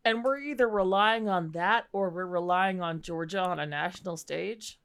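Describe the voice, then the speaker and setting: A woman's voice: lowish voice, normal speed, a bit bright, clean tone, dry recording. A woman co-hosting a podcast in casual chat, giving wry reactions. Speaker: podcast co-host.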